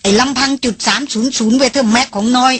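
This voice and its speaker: A woman voicing a grown man who leads a jungle hunting party, speaking in a measured, commanding way, in an audiobook. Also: high-pitched, fairly even intonation, a bit bright, breathy edge, no room sound. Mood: firm, explaining.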